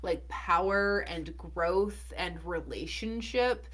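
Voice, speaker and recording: A woman co-hosting a casual movie podcast, talking in a thoughtful, analytical way that gets animated when she is excited. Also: lowish voice, takes it slowly. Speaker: podcast co-host.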